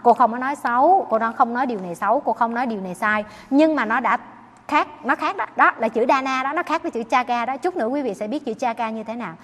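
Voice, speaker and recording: A woman's voice: on the high side, quick pace, fairly bright tone. A Buddhist nun gives an earnest dharma talk, often turning questions back on her listeners. Her voice rings with the long reverb of a large hall. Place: temple hall.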